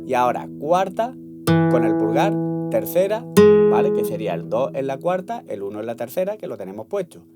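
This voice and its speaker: A man's voice: medium pitch, sing-song, normal speed. A man teaching flamenco guitar, patiently explaining and counting beats, often checking in with "¿vale?". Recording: guitar playing loud behind voice.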